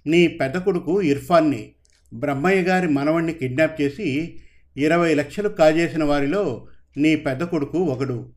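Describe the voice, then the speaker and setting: A man's voice: on the high side, moderate pace, a little mellow, lightly acted. A man voicing a grieving older father who speaks sternly about his son's crime in a told story. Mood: grave. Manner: sorrowful, stern.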